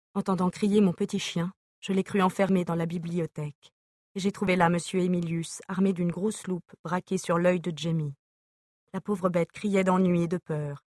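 Brief: woman audiobook reader, measured letter reading, lowish voice, dry close sound. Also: steady tone, darkish tone, no echo. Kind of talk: reading an epistolary novel aloud.

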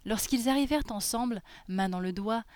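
A woman reading a fairy tale aloud in a soft, gentle storytelling manner. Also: fairly high pitch, normal speed, no room sound.

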